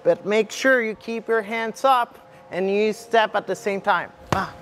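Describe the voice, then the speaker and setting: Unhurried and a bit bright, a high-pitched young man coaches kickboxing, talking through punches as he demonstrates them in short cues. He's in a large indoor MMA gym, with clear background ambience and faint music behind him.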